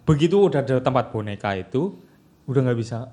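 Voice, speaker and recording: A man's voice: medium pitch, quick pace. A man telling a story in casual chat, acting out what people said. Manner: animated storytelling, acting out quotes.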